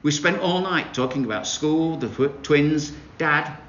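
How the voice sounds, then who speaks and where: A man, a town crier, reading children's stories aloud in an expressive storytelling way. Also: a little high, a little slow, slight background noise. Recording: roomy, dull recording.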